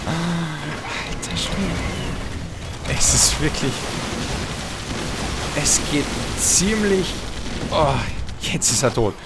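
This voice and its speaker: A young man gives lively, trash-talking commentary over his own gameplay, humming and muttering to himself. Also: fairly high pitch, slow pace, long pauses, heavy background noise. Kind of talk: excited let's-play commentary. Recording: game sound effects and gunfire behind voice.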